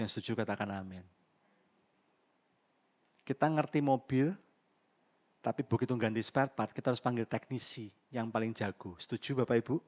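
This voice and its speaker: A male pastor preaching a sermon at a church service, animated and lively, calling on the congregation to respond. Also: mid-range voice.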